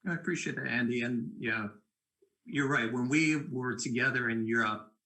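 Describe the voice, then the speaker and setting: A man at an ordinary middle pitch speaks on a panel over a video call. He explains steadily and fluently, assured of his points, listing examples one after another. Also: moderate pace, bright, forceful tone, rough recording. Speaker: venture capitalist panelist. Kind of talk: panel discussion.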